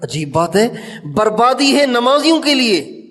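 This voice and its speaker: A man's voice: very high-pitched, big pitch swings, a bit bright. A man preaching an Urdu sermon with a Pakistani accent, telling a story with passion, rising to emphatic questions and chanting scripture verses. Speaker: Islamic preacher. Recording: long reverb of a large hall.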